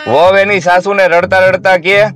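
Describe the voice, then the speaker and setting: A man with a high voice rattles off short jokes in a deadpan delivery and voices the quoted lines himself. Clear music plays under his voice throughout. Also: moderate pace. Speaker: joke teller. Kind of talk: reciting jokes.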